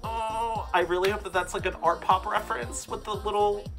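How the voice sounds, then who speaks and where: A man's voice: high-pitched, fairly even intonation, moderate pace. A young man, a drag queen host, giving casual reaction commentary in a campy, effusive manner full of exclamations. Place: indoor room set with sequin curtain. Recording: music playing behind the voice. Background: music.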